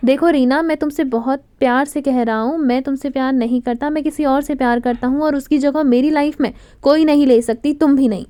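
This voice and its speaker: A woman's voice: high-pitched, fairly even intonation, fairly quick, hardly any pauses, warm tone, close to an everyday voice. A woman voicing a young college man who turns down a proposal firmly and explains himself with patience.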